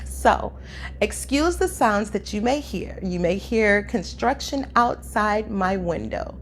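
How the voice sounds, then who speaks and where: A woman in her fifties telling a casual story to viewers, chatty and animated, her throat sore as she gets over the flu. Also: medium pitch, slow, a little hiss or hum. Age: 50s. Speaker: vlogger. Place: home room by a window, construction outside.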